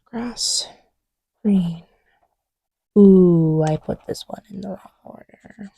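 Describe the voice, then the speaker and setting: A woman creating audio roleplay speaks as the listener's partner in casual, intimate chat while testing markers, teasing and rambling playfully and often near a whisper, as if next to them. Her lowish voice is warm and slow, with vocal fry and a breathy edge. The recording is dry.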